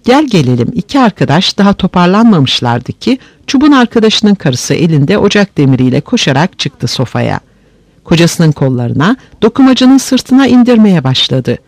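A man narrating a story aloud in an expressive, animated way. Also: high voice, moderate pace, no echo.

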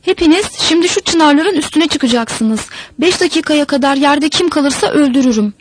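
A woman voicing a gun-waving male official in a read-aloud folk tale, shouting threats at villagers. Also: high voice, normal speed, slight background noise, close to an everyday voice, low-quality recording. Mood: threatening.

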